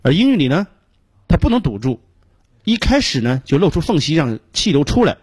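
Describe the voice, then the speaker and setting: This is a middle-aged man with a Beijing Mandarin accent teaching a radio pronunciation lesson. His voice is a little husky, and it sounds dry and close to the mic. He explains patiently, drops in small filler sounds between phrases, and his pitch moves up and down a lot. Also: very animated, darkish tone, no echo. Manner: explains patiently, demonstrates sounds slowly and repeats them.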